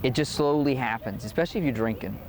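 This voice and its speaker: A man with a Cajun accent chatting in an interview, pausing to think and telling things in a loose, informal way. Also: mid-range voice, darkish tone, slight background noise, rough recording. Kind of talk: casual interview and joke telling.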